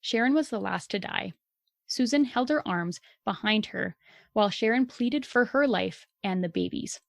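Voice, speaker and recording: A woman's voice: a little high, animated, moderate pace, creaky, no room sound. A young adult woman hosting a podcast, telling a true-crime story in a casual way and reacting bluntly and angrily, with frequent swearing. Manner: blunt, indignant, swears freely. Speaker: podcast co-host.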